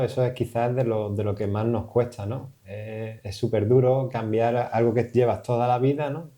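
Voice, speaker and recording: Male podcast host, low and very mellow dark voice, casual and tentative. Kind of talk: conversational interview.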